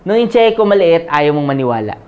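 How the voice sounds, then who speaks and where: A motivational speaker in his forties gives a live seminar talk at a quick pace, joking and laughing as he tells his story and often asking the crowd "Tama?" His voice is a little high with big pitch swings, and the sound is lo-fi.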